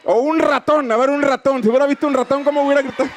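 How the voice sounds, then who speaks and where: A man's voice: extremely high pitch, fairly even intonation, very fast, noisy background. A man preaching a sermon, fervent and declamatory, raising his voice for emphasis. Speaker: pastor.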